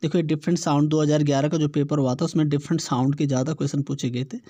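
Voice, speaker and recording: A man teaching an exam-prep lesson, reading test questions aloud slowly and repeating words to show their pronunciation. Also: a little high, flat delivery, mellow, no room sound.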